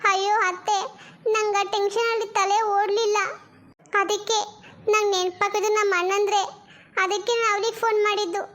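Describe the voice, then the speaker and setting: A woman's voice: very high-pitched, flat delivery, moderate pace, a bit bright. A woman voicing a naive young wife who rambles and repeats herself. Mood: rambling.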